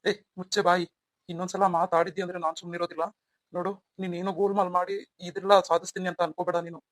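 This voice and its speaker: A woman voicing a young husband who is protective toward his wife and quick to anger at a rival, in a melodramatic audio story. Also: on the low side, flat delivery, no echo, lightly acted. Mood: angry.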